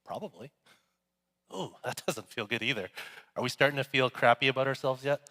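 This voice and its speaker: A man's voice: medium pitch, brisk, pushed and bright. A male pastor giving a sermon in a casual, joking, conversational way. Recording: echoey hall.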